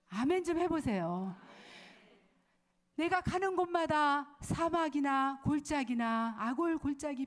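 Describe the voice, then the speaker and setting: A woman preaching a sermon to a women's worship service, telling stories lively, acting out quotes, asking the audience questions and sometimes dropping to a whisper. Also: sits high. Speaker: pastor's wife preaching.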